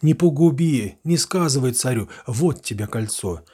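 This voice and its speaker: A man voicing a frightened thieving palace servant in a folk tale, husky and conspiratorial. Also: medium pitch, expressive, moderate pace, darkish tone. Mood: pleading. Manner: anxious, conspiratorial.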